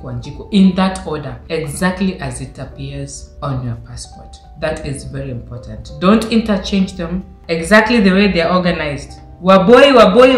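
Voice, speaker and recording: A young woman talks through an explainer vlog in a low, animated voice, asking lots of rhetorical questions. She is recorded in a small echoey room, with faint guitar music underneath. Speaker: vlogger.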